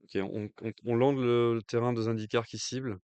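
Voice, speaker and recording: A man's voice: mid-range voice, level tone, a little fast, darkish tone, clean tone, no room sound, lo-fi sound. A man with a French accent giving casual live commentary on a card game match, thinking aloud with hesitant fillers. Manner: jokey aside in accented English. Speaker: stream commentator.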